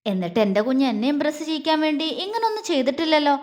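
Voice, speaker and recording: A teasing young husband voiced by a woman storyteller, playful and protective, with an easy, joking manner. The voice sits high, and the recording trails off in a long, ringing reverb. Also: animated, quick pace, darkish tone. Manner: teasing, low-key banter.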